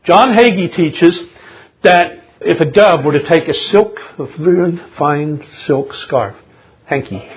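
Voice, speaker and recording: A man preaching a sermon with passion, swinging from low murmurs to loud indignant outbursts. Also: breathy edge. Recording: 2005 sermon recording.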